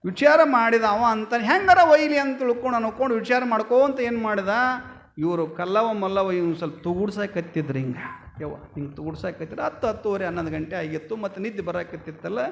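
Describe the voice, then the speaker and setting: Man, swami preacher, high voice, animated storytelling, loud then soft. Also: fairly quick, vocal fry. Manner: animated, swings between loud exclaiming and low murmuring. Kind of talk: storytelling sermon.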